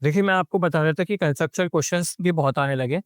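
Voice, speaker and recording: A man's voice: on the high side, fast, clear, resonant tone, no echo, studio quality. A young man coaching exam aspirants in a lecture, talking bluntly and mixing English phrases into his speech. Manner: direct, blunt, mixes English phrases into Hindi.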